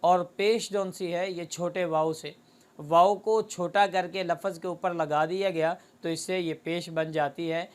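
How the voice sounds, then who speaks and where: A man's voice: high-pitched, fairly even intonation, smooth. A man teaches Quran recitation in a patient, explanatory voice. He stretches out each syllable when he demonstrates it, then goes back to plain explaining. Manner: slow, drawn-out demonstration of syllables between explanations. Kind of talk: explanatory lesson.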